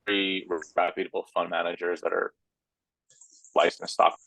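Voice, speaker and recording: Direction: a low, gravelly man, his voice choppy and breaking up on a video call. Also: completely flat delivery, moderate pace, a bit bright, no echo, rough recording. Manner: loose, thinking aloud with many fillers. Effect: choppy, breaking-up video call audio. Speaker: startup co-founder presenting. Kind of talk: online group discussion talk. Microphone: laptop or phone on an online call.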